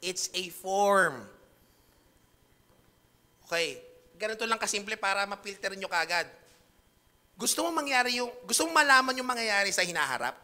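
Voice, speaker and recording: A man's voice: sits high, sing-song, quick pace, sharp tone. A man preaching a sermon as pastor in a chatty, joking storytelling manner, mixing in English words. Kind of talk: conversational sermon.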